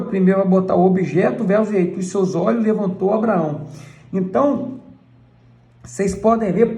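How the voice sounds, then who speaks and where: Gravelly high-voiced Brazilian man teaching. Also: a little mellow, reverberant. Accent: Brazilian Portuguese. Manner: points things out with frequent "look" asides. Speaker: church elder teaching. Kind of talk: explaining a book page by page.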